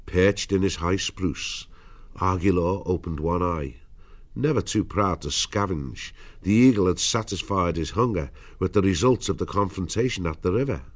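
A man's voice: low voice, moderate pace, dull audio. A man narrating an adventure audiobook in a dramatic scripted storytelling style.

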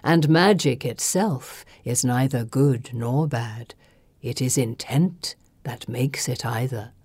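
An ancient, snake-haired female creature speaks in a low, dark voice, slow and grave as she recalls the past, put on by a woman reading a storybook aloud. The sound is close and dry. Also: husky, dry recording, heavily acted. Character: ancient sorrowful female serpent-haired creature, the last of her kind.

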